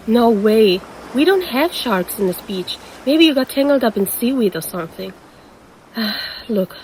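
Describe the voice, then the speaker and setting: A woman's voice: on the high side, a little mellow, slight background noise, low-quality recording. A woman voicing a predatory female siren who poses as a lifeguard and teases the listener in an audio roleplay. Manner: teasing, calls the listener handsome.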